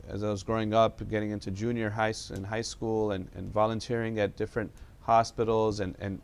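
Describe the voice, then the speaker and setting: A young man, a doctor from South Florida, talks about his background in a studio interview. His voice is smooth and fairly low, and he often pauses and restarts his sentences. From South Florida, USA. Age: young adult. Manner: hesitant, many fillers and restarts. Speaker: medical doctor guest.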